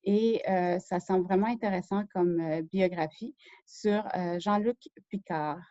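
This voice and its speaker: A woman's voice: lowish voice, fairly even intonation, measured pace, warm tone, no echo. A woman hosting a screen-share research tutorial, talking hesitantly with many fillers and self-corrections. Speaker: show host. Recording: dull lo-fi dry recording.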